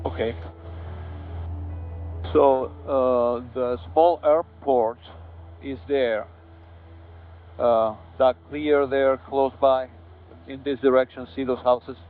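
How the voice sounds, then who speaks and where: A man's voice: mid-range voice, steady tone, slow pace, long pauses. A man who is a pilot, talking casually and making radio calls as a pilot over the radio. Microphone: aviation headset. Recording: muffled narrow-band cockpit headset audio.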